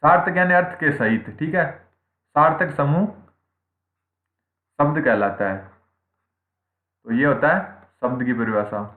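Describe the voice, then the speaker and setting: A man teaching an online grammar lesson, his voice sitting a little high for a man. He repeats each point and answers his own questions, checking in constantly with his students. The sound is tinny and phone-like, bouncing around an echoey room. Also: unhurried, long pauses. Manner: frequent "theek hai" checks. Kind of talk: online exam-prep lesson.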